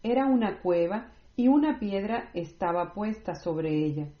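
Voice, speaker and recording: A woman reading scripture aloud in a measured, scripted way, with no commentary. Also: medium pitch, expressive. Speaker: Bible reader. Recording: roomy, slightly dull recording.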